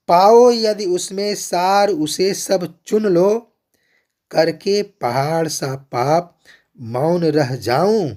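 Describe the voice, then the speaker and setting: A man's voice: a little high, gravelly, darkish tone, pitched above the performer's own voice, heavily acted. Kaikeyi, a pleading queen as a man recites her. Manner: declaimed verse recitation, slow and emphatic. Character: remorseful widowed queen mother, pleading. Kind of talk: poetry recitation.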